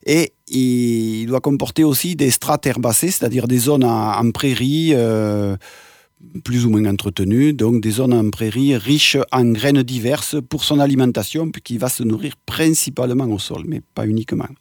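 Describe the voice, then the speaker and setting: Male wildlife presenter, informal nature-documentary explainer, medium pitch, teacherly, rephrases as he goes, close dry sound. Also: a little mellow, dry recording. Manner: didactic, pausing to search for words and reformulate. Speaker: bird presenter giving a talk.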